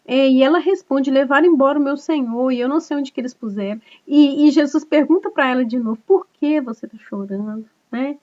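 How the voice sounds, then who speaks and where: A woman's voice: sits high, fast talker, hardly any pauses, a little mellow, dull audio. A woman pastor giving an earnest, conversational sermon to an online group, often tagging her points with little questions. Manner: earnest, conversational preaching with frequent tag questions. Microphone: online video call.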